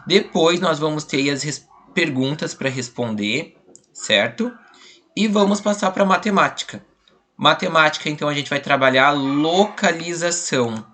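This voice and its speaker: A man's voice: fairly high pitch, moderate pace, bright, forceful tone. A young man with a Brazilian Portuguese accent, a primary school teacher walking pupils through a worksheet in an online class, patiently spelling out letters and syllables.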